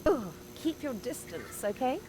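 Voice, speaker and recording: A woman's voice: fairly high pitch, very animated, a little slow, noisy background. A woman playing a haughty, educated young upper-class woman in an adventure game, sarcastic and dismissive. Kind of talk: animated adventure game dialogue.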